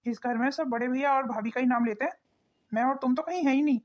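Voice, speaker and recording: A woman's voice: high-pitched, natural voice. Woman doing a lecturing cartoon husband. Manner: lecturing, quick. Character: husband, a grown son of the family.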